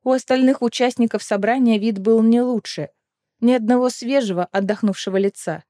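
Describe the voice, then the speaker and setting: A woman narrating a fantasy audiobook in an even, measured storytelling voice. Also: on the high side, dry recording. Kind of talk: scripted narration. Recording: dry close mic with faint music.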